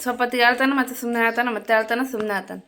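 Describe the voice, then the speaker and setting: A woman's voice: fairly high pitch, fairly even intonation, rapid-fire, music in the background. A woman chatting casually to her viewers at home in a vlog, repetitive and friendly. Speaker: vlogger. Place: home kitchen.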